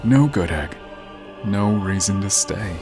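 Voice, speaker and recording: Man playing a haughty young woman, deadpan, foul-mouthed, low voice, music behind. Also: slow. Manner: deadpan ranting, crude swearing. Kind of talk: comedic anime fan dub.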